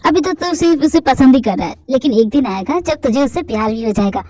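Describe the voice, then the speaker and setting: A woman's voice: high-pitched, lively intonation, brisk, warm tone, no echo, voice pushed down. A woman voicing a nosy, teasing elder brother in a fan audio drama. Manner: prying, playful.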